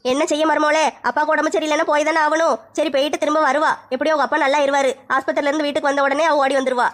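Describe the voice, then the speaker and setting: A woman's voice: high voice, flat delivery, a bit bright. A woman playing a blunt, bickering mother-in-law in a comic skit. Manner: rapid, blunt, scolding.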